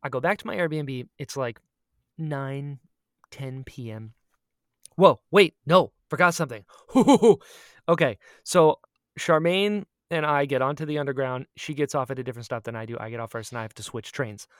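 A woman co-hosting a podcast tells a story casually and with animation, dramatically acting out her own remarks. Her voice is very deep, her pace moderate, and the sound is studio quality with no echo.

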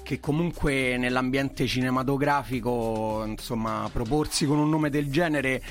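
A man with a Roman accent talks casually in an interview. His voice is hoarse and worn, close to giving out, at a middling pitch. Music plays behind him. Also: steady tone, a little slow. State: hoarse, voice giving out from strained vocal cords. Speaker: interview guest, artist working in film.

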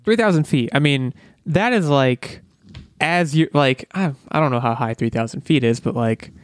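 A man talking casually as a podcast co-host, animated and musing aloud with rhetorical questions. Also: medium pitch, normal speed, dry recording, clean studio sound. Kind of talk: casual chat.

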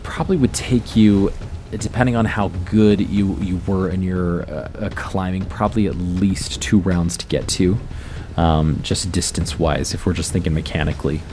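A man with a fairly low voice serves as game master at a tabletop game. He narrates and calls for rolls haltingly, over faint background noise. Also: fairly even intonation, dark tone.

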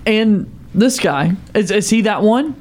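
A man's voice: high voice, animated, unhurried, darkish tone. A man hosting a casual sports talk show, blunt and steering the banter along. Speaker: sports radio show host.

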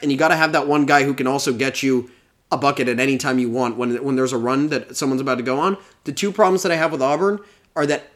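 A man's voice: on the high side, fairly bright tone. A man talking through college basketball picks in casual sports chat, opinionated and reeling off rankings. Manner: opinionated, reels off rankings, laughs now and then.

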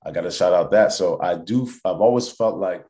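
A deep-voiced hip hop musician, born in France to a Congolese family and having lived in Canada and Texas, is a guest on a casual podcast interview. He's reflective and halting, feeling his way through answers and often checking the listener follows.

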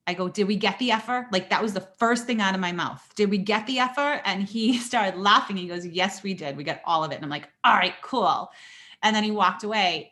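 A woman being interviewed on a podcast, telling a personal story. She talks in an animated, lively way, laughing often and restarting her sentences. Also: mid-range voice. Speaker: podcast guest.

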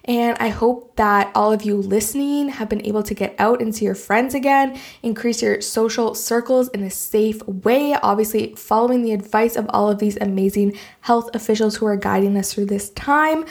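A woman's voice: mid-range voice, steady tone, moderate pace, darkish tone. A woman with a Canadian accent hosting a solo podcast in a casual, chatty, enthusiastic and informal way. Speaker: podcast host.

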